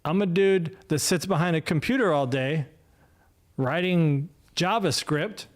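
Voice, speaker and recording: On a loose solo livestream, a podcast host in his fifties chats casually at a slow, unhurried pace, his voice a little high for a man. He rambles with many fillers, restarts his sentences and pokes fun at himself, speaking into a desk mic with no headphones.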